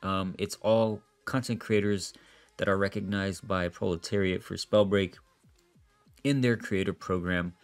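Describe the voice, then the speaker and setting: A man's voice: sits low, a little slow, clean tone, no room sound, faint music behind. Sick, nasal-voiced man narrating gameplay. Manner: relaxed, chatty explaining. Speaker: gaming content creator. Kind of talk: casual gameplay commentary voice-over. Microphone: voice-over recorded apart from the footage.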